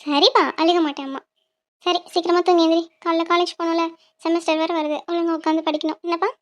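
A voice actor playing a loving, tearful mother in a cartoon, speaking softly to her son. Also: extremely high pitch, flat delivery, fast. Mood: tender.

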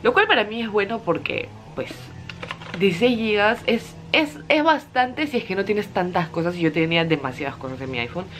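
A young woman, telling a story in a chatty, animated way as she unboxes a phone for her vlog. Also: mid-range voice, normal speed, faint music behind. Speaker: vlogger. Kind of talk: casual vlog chat.

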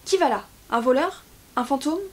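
A woman voicing a frail, confused old king who speaks loudly and imperiously, reading from a novel. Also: fairly high pitch, fairly quick, breathy edge.

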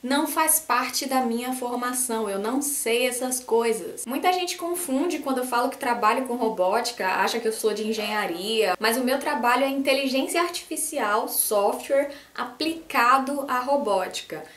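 Young woman with a faint Bahian accent, animated casual vlog delivery, fairly high voice, room echo. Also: moderate pace, few pauses. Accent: light Brazilian Portuguese, faint Bahian. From Salvador, Bahia, Brazil. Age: 20s. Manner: lively, gestures a lot with both hands. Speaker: science YouTuber. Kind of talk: casual talk to camera. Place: small room indoors, posters on the wall.

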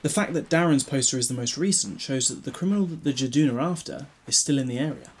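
A man voices a chatty, eccentric Time Lord fresh from regeneration in an audio drama, sounding breezy, whimsical, and distracted. He talks fast at a medium pitch in a natural voice, with a little hiss or hum in the recording.

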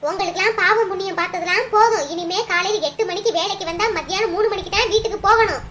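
A woman's voice: very high voice, fast, fairly bright tone. A woman voicing a bossy village work supervisor who scolds and threatens the workers. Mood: scolding. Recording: noisy cartoon audio.

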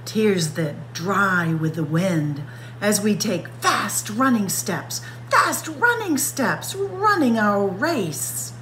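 In a library room with bookshelves, a female librarian leads a picture-book story time, reading very slowly in a mid-range voice. Her child-directed delivery is expressive, drawing out words and acting them out, with slight hiss or hum on the audio.

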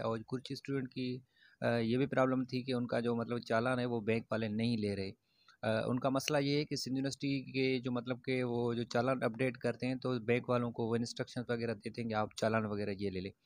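This is an informal to-camera update from a man who runs an education YouTube channel, covering student admissions in plain terms. He rambles a bit, using fillers and restarting sentences. His voice is medium-pitched, and the recording is free of echo.

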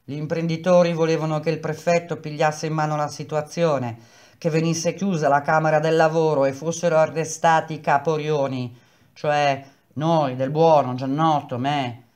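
A woman voicing a weary male builder and strike leader who speaks in a grave, measured, brooding way. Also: low voice, level tone, darkish tone, natural voice. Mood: grim.

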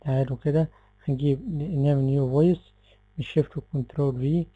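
A man with an Egyptian Arabic accent gives a relaxed software tutorial, explaining step by step and often stopping to correct himself. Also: mid-range voice, fast talker, no room sound, phone-quality sound. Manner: relaxed, explanatory, with frequent fillers and self-corrections. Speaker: tech tutorial presenter. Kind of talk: screen-recorded software tutorial.

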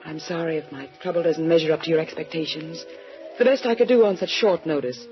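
In a 1940s radio drama, an actress plays an anxious, guarded woman begging for help, her low voice moving fast with a light touch of acting. She sounds tense and pleading, her delivery urgent. The old broadcast is dull, with music underneath.

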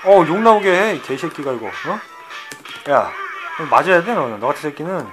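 A man streaming an old fighting game, swearing at the computer opponent and swinging between loud outbursts and low mutters. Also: big pitch swings, moderate pace, over music. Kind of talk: profane retro game commentary.

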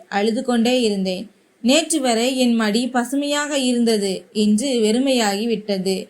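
A woman with a high, light voice narrates a first-person story. Her telling is earnest and heavy with grief, and she keeps a steady storytelling flow throughout. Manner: grieving, earnest retelling.

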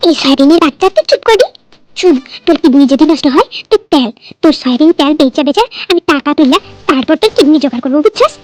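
A woman voicing a loud, crude, scolding middle-aged mother in a storybook tale. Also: lively intonation, quick pace, no echo. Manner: shrill, crude, insulting.

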